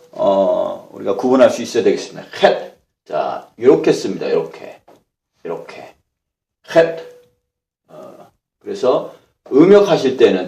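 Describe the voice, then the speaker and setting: A man teaching a language class, explaining patiently step by step and pausing as he writes letters on a board. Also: fairly low pitch, darkish tone. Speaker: Hebrew language instructor. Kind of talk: classroom lecture. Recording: echoey room, voice a bit far from the mic.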